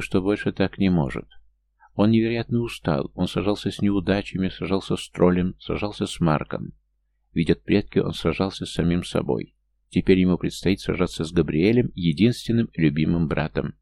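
Deep gravelly male audiobook narrator. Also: normal speed, warm tone. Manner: reads every character's lines himself, lifting his pitch for younger or smaller figures. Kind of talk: scripted fantasy narration.

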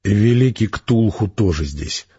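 Brief: gruff, dry-humoured soldier officer, read by a male narrator, husky and lowish, muffled audiobook sound. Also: expressive, measured pace, mellow, heavily acted. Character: gruff dryly joking male space major.

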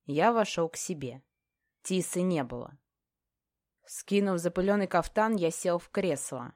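A woman's voice: on the low side, animated, a little slow, a little mellow, no room sound. A woman narrating a first-person fantasy audiobook in a tense, dramatic storytelling manner, close to the mic.

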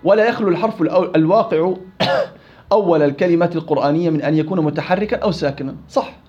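A man's voice: a little high, quick pace, a little mellow, muffled recording. A man teaching Quran recitation rules in a classroom lecture, explaining rules and quizzing his students.

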